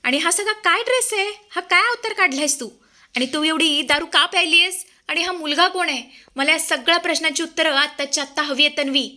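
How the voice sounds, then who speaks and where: A woman's voice: high-pitched, brisk, pushed and bright. A woman voicing an angry, shocked young husband questioning his wife. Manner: pleading, indignant.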